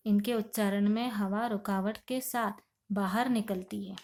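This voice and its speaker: Slow, patient woman teaching a lesson. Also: mid-range voice, fairly even intonation, a little mellow. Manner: asks questions and answers them herself; patient, step-by-step explaining. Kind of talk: classroom lesson explaining Sanskrit grammar.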